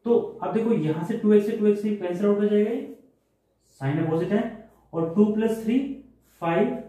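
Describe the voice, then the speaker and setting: A man teaching a maths lecture, explaining step by step and often pausing to ask if students follow. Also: high voice, warm tone. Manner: explains step by step, asks rhetorical check questions. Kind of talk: classroom lecture. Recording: very echoey room.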